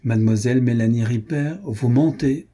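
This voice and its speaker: Unflappable young gentleman, grave and measured, read by a man, dark voice. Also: medium pitch, natural voice. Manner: calm, grave, nearly solemn. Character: calm, composed young gentleman. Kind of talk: audiobook character reading.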